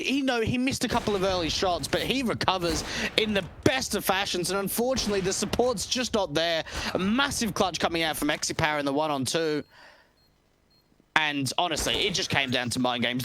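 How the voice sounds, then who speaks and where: A man giving color commentary on a live esports match, conversational and animated, breaking off and restarting thoughts. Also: on the high side, background noise. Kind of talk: analytical commentary.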